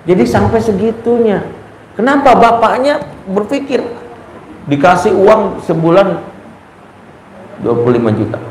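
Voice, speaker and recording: A man's voice: high-pitched, measured pace, long pauses. A male Islamic preacher gives a parenting talk, telling stories and acting out the dialogue in them. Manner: lively storytelling, acts out dialogue in quoted voices. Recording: echoey room with faint ambient noise.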